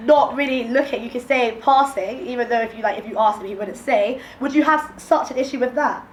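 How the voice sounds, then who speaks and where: Woman moderator, higher voice, questioning and steering, recorded in an echoey room. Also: brisk, slight background noise. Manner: steering, questioning, thinking aloud. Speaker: discussion moderator. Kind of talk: casual group discussion. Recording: roomy echo.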